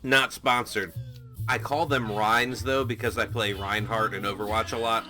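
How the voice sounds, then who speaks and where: A man's voice: on the low side, little pitch movement, moderate pace, over music. A man hosting a reaction video, chatting casually with swearing and laughter between scenes.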